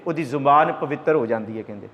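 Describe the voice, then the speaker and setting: A man preaching a religious sermon, chanting scripture verses slowly and then explaining them with rhetorical questions. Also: medium pitch, lo-fi sound. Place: large congregation hall. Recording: long hall reverb.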